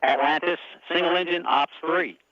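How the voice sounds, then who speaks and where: A man in mission control making crisp, clipped calls to the shuttle over crackly space-to-ground radio. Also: a little high, steady tone, moderate pace, bright, forceful tone. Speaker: mission control capsule communicator. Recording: muffled radio loop, dry.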